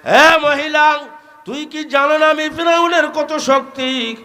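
A man's voice: very high-pitched, steady tone, slow pace, bright, forceful tone, big-room sound, faint music behind, pitched above the performer's own voice, heavily acted. A preacher acting out a boastful tyrant king. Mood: menacing. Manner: scolding, boastful. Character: arrogant tyrant king, threatening a woman servant.

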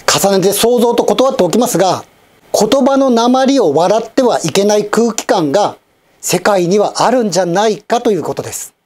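A man in his fifties hosting a channel, giving polite, measured, scripted news-style commentary with wry asides. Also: high-pitched, animated, darkish tone. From Japan, Osaka and Kochi.

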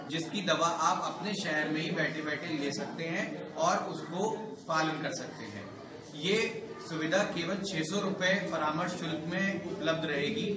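A middle-aged man, a hospital doctor, explaining step by step at a press conference in an indoor hall. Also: a little high. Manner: formal, methodical, lists points in order. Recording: echoey hall, distant mic, clear room noise.

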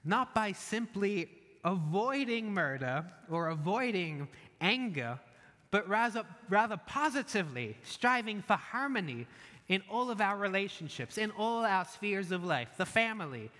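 A man preaching a church sermon in an earnest way, then leading a quiet prayer. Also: sits high, very animated, measured pace, big-room sound. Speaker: pastor. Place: church sanctuary.

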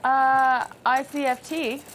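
A woman's voice: sits high, little pitch movement, slow, a bit bright. A woman in her twenties chatting casually and informally. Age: 20s. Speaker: reality show housemate. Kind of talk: casual chat. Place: indoor bedroom, lounging in bed. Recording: noisy room, clicking microphone.

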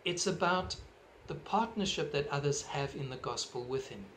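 The speaker is a middle-aged South African man giving a heartfelt home sermon, his voice somewhat high for a man, animated and a bit bright. His phrasing comes in measured, emphatic steps, recorded by a webcam at desk distance over a faint hum of room ambience.

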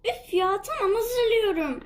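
A woman's voice: very high-pitched, lively intonation, a little slow, noisy background. A woman voicing a timid young girl pet in a toy figure video, whiny and panicky, given to shrieks and sobs.

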